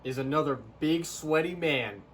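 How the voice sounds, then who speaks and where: A man co-hosting a casual chat, laid-back and quick to laugh. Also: fairly high pitch, a bit bright, slight background noise. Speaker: co-host.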